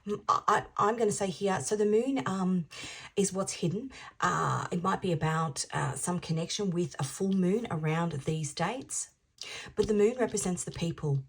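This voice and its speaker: A woman in her fifties giving an intuitive tarot reading, musing aloud, repeating phrases and sometimes dropping into soft half-whispers. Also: lowish voice, normal speed, breathy edge. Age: 50s. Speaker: tarot reader.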